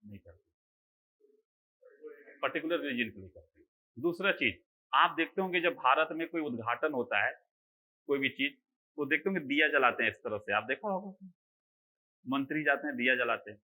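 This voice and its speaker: This online exam-prep teacher keeps confirming that students are following as he asks and answers his own rhetorical questions. His mid-range voice is bright and forceful with lively intonation, moderately paced with frequent pauses, and the audio quality is poor.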